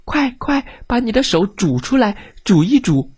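A man putting on a tiny clever goldfish, chirpy and high, eager to help. The voice bounces lively up and down, close and dry, in a storybook tale. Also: normal speed, husky, no room sound, exaggerated voice.

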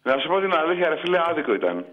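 A man's voice: on the high side, sing-song, phone-quality sound, slight background noise. A man co-hosting a comedy show, provoking his partner with short teasing jabs about football. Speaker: co-host of a comedy radio show.

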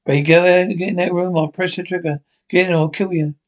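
A man's voice: high-pitched, little pitch movement, fast, natural voice. A man acting a vengeful, crazed young woman in a horror radio play, speaking obsessively and repeating herself. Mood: tense, threatening.

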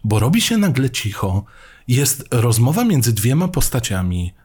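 A man's voice: medium pitch, very animated, moderate pace, darkish tone, husky. A man co-hosting a podcast, retelling film scenes in casual chat with a dry, wry manner. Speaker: podcast co-host.

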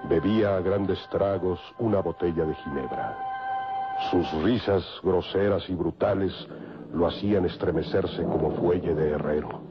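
A man's voice: deep voice, a little slow. A man giving dramatic scripted radio narration in a grave, florid storytelling manner. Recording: dull lo-fi radio with loud music.

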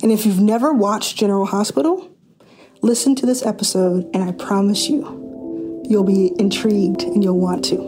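A woman hosting a podcast, talking excitedly and a little out of breath, often restarting her sentences before she interviews a guest. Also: mid-range voice, normal speed, music in the background. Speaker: podcast host. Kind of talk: casual podcast intro and interview.

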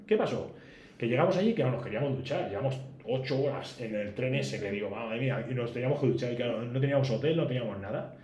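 A man, a podcast guest telling a travel story in a casual, animated way and acting out the dialogue. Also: mid-range voice, fast talker. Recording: roomy echo, faint background noise.

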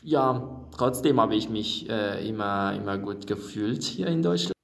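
A man's voice: on the low side, a little slow, creaky. A young man from Italy speaking German with an Italian accent as an interviewed exchange student, searching for words with many fillers and restarts. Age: young adult. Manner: hesitant, many fillers and restarts in a second language. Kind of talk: casual interview answers.

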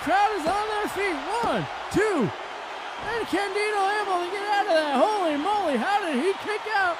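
A man doing an excited wrestling commentator, calling moves play-by-play in a punchy, emphatic, often shouting delivery. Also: very high voice. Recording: very noisy, loud crowd behind. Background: loud crowd noise.

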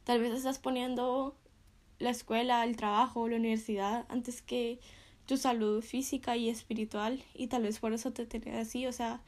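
Chatty young woman, slightly high voice. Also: flat delivery, moderate pace, darkish tone. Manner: chatty, many fillers, laughs between phrases. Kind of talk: casual devotional chat.

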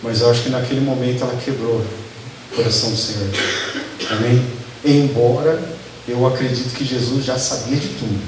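A man's voice: mid-range voice, steady tone, fairly quick. Brazilian man preaching in an echoey room. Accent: Brazilian Portuguese. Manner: conversational preaching, often asking the congregation "Amém?". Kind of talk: sermon. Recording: echoey room, mic at a distance, faint background noise.

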